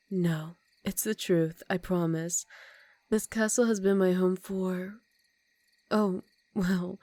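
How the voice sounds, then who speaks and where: Woman acting a low-voiced, seductive vampire countess. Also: a little mellow, dry recording, lightly acted. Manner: formal, teasing, slow dramatic phrasing. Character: ancient aristocratic vampire countess, seductive, predatory, condescending. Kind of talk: ASMR roleplay, intimate soft speech with whispered phrases.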